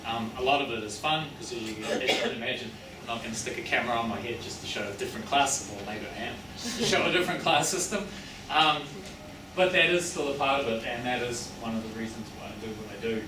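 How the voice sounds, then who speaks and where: This New Zealander talks quickly in a mid-range voice, matey and colloquial like a working-class tradesman, wandering off track and correcting himself. He's presenting his research and book at an informal public lecture with audience questions in an indoor venue. Echo, a far-off mic and obvious noise mark the recording.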